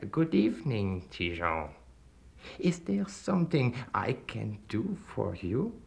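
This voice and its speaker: A man voicing a sly, smooth male devil in a folktale, speaking slowly and hushed, trailing into whispers. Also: mid-range voice, big pitch swings, heavily acted. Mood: tempting.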